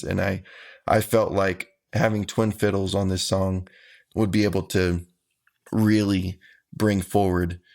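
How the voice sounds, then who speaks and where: A man's voice: sits low, a little mellow. A man, a country singer answering interview questions in an earnest, folksy way. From Texas.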